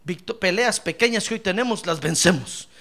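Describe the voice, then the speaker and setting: A man's voice: sits high, moderate pace, pushed and bright. A man preaching a sermon as pastor, calling listeners brother, joking with the congregation and acting out their complaints. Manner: jokes with the congregation.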